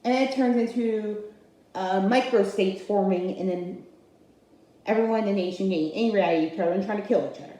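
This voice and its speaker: A woman delivers a political commentary rant in a mellow, warm voice, rambling and opinionated and often stopping to restart her sentences. Her voice bounces around a very echoey room. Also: mid-range voice, brisk. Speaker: channel host.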